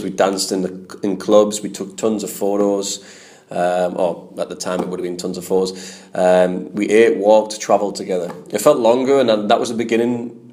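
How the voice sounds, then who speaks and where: A man's voice: lowish voice, a little mellow. Reflective man recounting travels. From England. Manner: rambling and reflective, many fillers. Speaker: travel storyteller. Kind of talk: casual spoken travel story.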